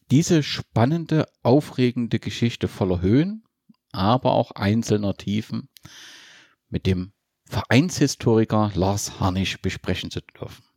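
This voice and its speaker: Slow, low-voiced man hosting a podcast. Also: darkish tone, no room sound, studio quality. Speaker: podcast host. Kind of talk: podcast introduction.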